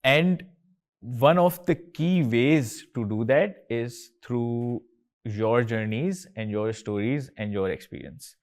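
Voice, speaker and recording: A man in his thirties from Karachi speaks slowly in a medium-pitched voice with a Pakistani accent. A company co-founder, he hosts a casual, chatty talk with students, often slipping between English and Urdu.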